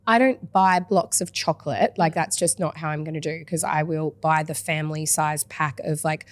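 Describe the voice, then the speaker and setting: A woman hosting a casual podcast chat, enthusiastic and full of quick asides. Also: deep voice, fairly even intonation. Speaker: podcast host.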